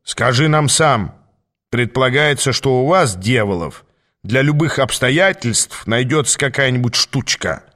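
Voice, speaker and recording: A man's voice: mid-range voice, expressive, measured pace, a bit bright. A man reading the part of a firm, blunt male demon who gives orders and mocks, in an audiobook. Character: gruff, commanding male demon swordsman.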